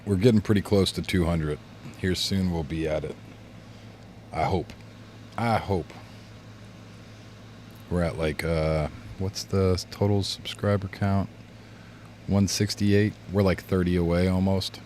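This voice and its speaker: Low-pitched and darkish, this man's voice keeps a steady tone at a measured pace with long pauses, over a little hiss or hum. He's a game streamer in casual livestream chat, rambling and laid-back, congested in the chest after a recent illness, with a fan blowing near his mic.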